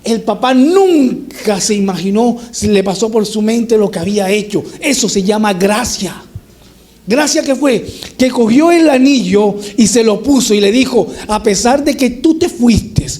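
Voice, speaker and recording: A man preaching a sermon, telling the story in an animated way and acting out its scenes. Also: sits high, moderate pace.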